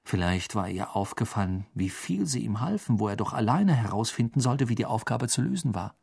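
A man narrating an audiobook in a calm, measured way, giving each character a voice. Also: on the low side, gravelly, slightly rough.

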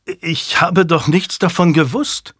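A man's voice: a little high, steady tone, takes it slowly, fairly bright tone, breathy edge, no echo, studio quality, voice pushed up, full character voice. A man voicing an earnest, uneasy young nobleman with a raised voice.

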